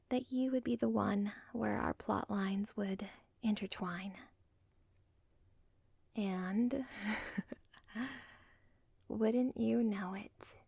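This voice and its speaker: Playing a lovesick villain's daughter, this female roleplay performer delivers a heavily acted ASMR piece in a soft, close-mic whisper. She drawls slowly in a husky, gravelly mid-range voice, wandering into asides about her own story. There's no room around the sound at all.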